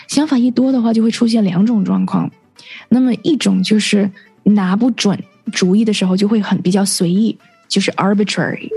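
Husky-voiced woman teaching English words. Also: medium pitch, warm tone. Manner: patient, spells letter by letter and gives examples. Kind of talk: bilingual vocabulary teaching, spelling words out slowly.

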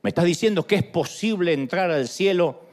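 A man's voice: high voice, a little fast. A man preaching a sermon, joking and acting out little dialogues. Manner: animated, jokes, acts out dialogues. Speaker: pastor. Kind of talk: sermon with humorous stories.

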